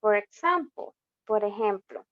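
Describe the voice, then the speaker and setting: Slow, patient Salvadoran woman teacher. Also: medium pitch, animated, no room sound. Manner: slow, explaining step by step, mixing Spanish and English; checks in with a frequent "¿ok?". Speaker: English teacher. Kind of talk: online tutoring lesson. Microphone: computer mic in an online class. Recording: dull, lo-fi online class audio.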